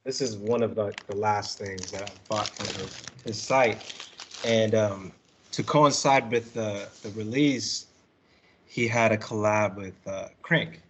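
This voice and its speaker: A man co-hosting a casual podcast chat, joking and quick to explain things. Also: fairly low pitch, slight background noise.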